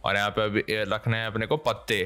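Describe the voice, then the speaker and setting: A man hosting a gaming channel, giving excitable, playful commentary full of exclamations. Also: on the low side, quick pace, smooth.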